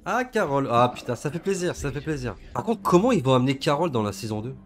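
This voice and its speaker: A young man from southern France giving casual, slangy reaction commentary with excitable, laughing asides. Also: medium pitch, fast. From southern France, Gard area. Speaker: reaction video host.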